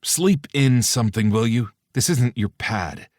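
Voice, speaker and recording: Brief: man playing a curt, barking boss, raised and sharp. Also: fairly low pitch, animated, a little fast, no room sound, clean studio sound, pitched above the performer's own voice. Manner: barking, hissing orders. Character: bossy male team leader, sharp temper.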